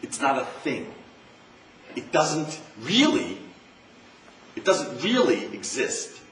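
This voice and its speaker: Lively American Zen monk, distant and roomy. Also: male voice, medium pitch, takes it slowly. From United States. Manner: conversational, repeats phrases for emphasis. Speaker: Zen monk giving a talk. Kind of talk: informal dharma talk. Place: campus lecture room. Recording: roomy, distant mic, faint hiss.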